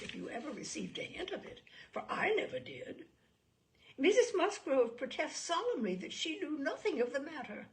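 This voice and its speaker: With a fairly high, gravelly voice, a woman reads from a classic novel, playing a young married gentlewoman who is self-pitying and gossipy. Her delivery is animated and complaining, with a gossipy, smug mood.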